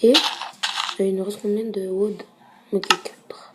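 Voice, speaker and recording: Slow, hesitant woman gamer. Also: mid-range voice, flat delivery. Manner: hesitant, many filler pauses. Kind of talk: casual gameplay commentary. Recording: loud background noise, mouse clicks.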